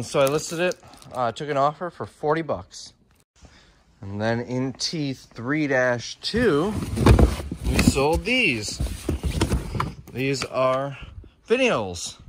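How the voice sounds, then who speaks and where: A reseller vlogger in his thirties talks at a medium pitch with a fairly bright tone, and a little hiss or hum sits under the audio. He chats casually and thinks aloud, rambling into a phone at arm's length in a large indoor warehouse and storage room.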